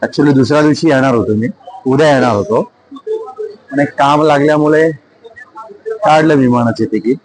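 A man's voice: medium pitch, moderate pace, long pauses, a little mellow, rough recording. A man chatting casually to viewers as he vlogs from a busy airport terminal on his phone. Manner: chatty, addresses viewers as brothers and friends. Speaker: vlogger. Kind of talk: casual vlog to camera.

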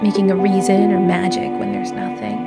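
Gravelly-voiced woman narrating a musing essay. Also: lowish voice, big pitch swings, a little fast. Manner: wistful, musing, drifts into near-whispers. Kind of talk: reflective scripted narration. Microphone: voice-over. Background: music.

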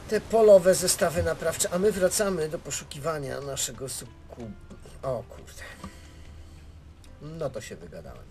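A man's voice: a little high, animated, measured pace, darkish tone. A man giving casual, playful and self-mocking gameplay commentary as a let's play host. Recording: game music behind the voice.

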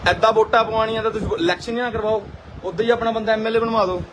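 A young man argues and pleads in a very high, strained voice while filming himself live on a handheld phone outdoors. Faint street noise sits under his protests. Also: steady tone, racing. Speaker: local party worker being detained. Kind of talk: live phone stream during police pickup. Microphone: phone held in hand.

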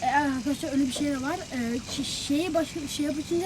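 A woman playing a video game and commenting on it, exasperated and often yelling at the character on screen. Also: high-pitched, a little fast, noisy background. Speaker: gamer. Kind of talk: let's play commentary. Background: loud game music.

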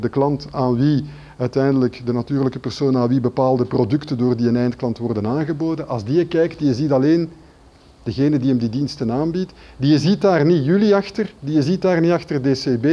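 A middle-aged man with a Flemish accent giving a presentation, explaining step by step with gestures and pausing to search for words. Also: mid-range voice, mellow, muffled recording. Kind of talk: business presentation. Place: conference room.

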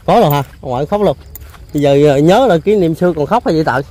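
High-voiced chatty man. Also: fast talker, warm tone. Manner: chatty, repeats himself, many hesitation fillers. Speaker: host. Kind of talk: casual on-location interview.

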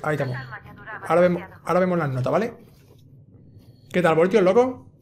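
Spain-accented male streamer, live play-by-play, jumpy, cusses, a bit high-voiced. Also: brisk. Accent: Spain Spanish. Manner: excitable, swearing, yelling when startled. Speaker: gaming streamer. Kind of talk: live gameplay commentary.

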